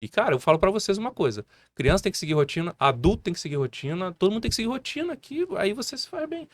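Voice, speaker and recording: Brazilian man, 30s, martial arts instructor, animated storyteller, dry studio sound. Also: sits high, fast, no room sound. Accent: Brazilian Portuguese. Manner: animated storytelling with many fillers. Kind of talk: casual podcast conversation.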